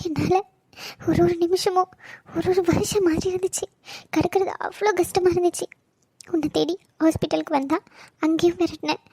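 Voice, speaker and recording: A hurt, fiery young wife from a cartoon drama, acted by a woman, speaking in a piercingly high voice. She scolds and reproaches in turn, with a dry, close recording. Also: dark tone, no echo. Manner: teasing then tearful, reproachful.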